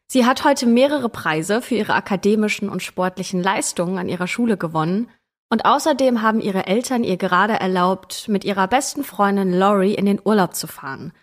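Woman narrating a true crime podcast. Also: mid-range voice. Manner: dramatic storytelling, careful warnings. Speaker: podcast co-host.

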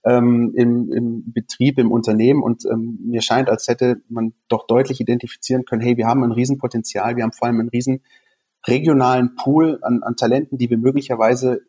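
A man's voice: mid-range voice, level tone, fairly quick, warm tone, breathy edge. A man chatting about football as a podcast co-host, eager and conversational. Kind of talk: casual discussion.

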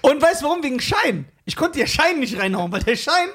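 A man's voice: extremely high pitch, brisk. A man hosting a podcast who teases his guest in a casual chat and laughs a lot. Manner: excitable, teasing, laughs a lot. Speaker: podcast host.

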